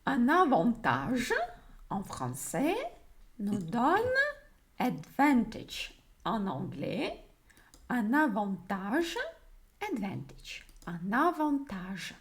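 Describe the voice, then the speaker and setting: Woman teacher, French accent, slow and deliberate, lively rising and falling pitch, repeats words, livestream lesson.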